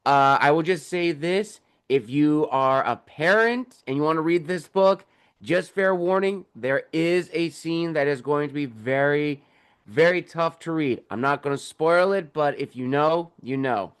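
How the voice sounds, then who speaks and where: On a video call, a young adult man who writes books and hosts a podcast appears as a guest, chatting casually and enthusiastically about his work while explaining at length with lots of fillers. His voice sits fairly high, unhurried and clear, with a resonant tone.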